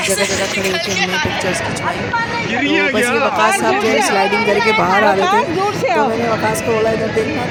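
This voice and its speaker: A woman's voice: medium pitch, heavy background noise. A middle-aged woman narrating a family outing in a casual, rambling vlog with many fillers. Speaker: vlogger.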